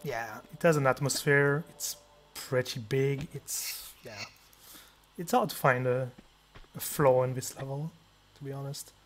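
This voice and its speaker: Relaxed man chatting while he plays. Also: medium pitch, a little slow. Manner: brief, relaxed remarks while playing. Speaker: speedrunner. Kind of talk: casual game commentary.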